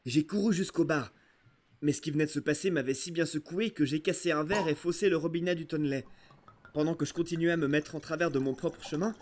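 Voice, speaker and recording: A man narrating an adventure novel aloud in an expressive, storytelling way. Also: fairly high pitch, slight background noise. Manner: expressive storytelling, first-person voice of a boy. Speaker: audiobook narrator. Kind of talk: scripted narration.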